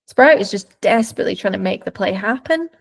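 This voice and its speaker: A woman's voice: mid-range voice, lively intonation, brisk, creaky. A woman dog trainer giving webinar commentary over videos, explaining thoughtfully and searching for words as she goes.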